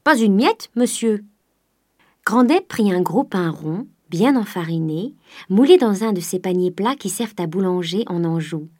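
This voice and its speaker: A woman narrating a classic novel as an audiobook, in a measured, even reading. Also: fairly low pitch, dry recording, studio quality.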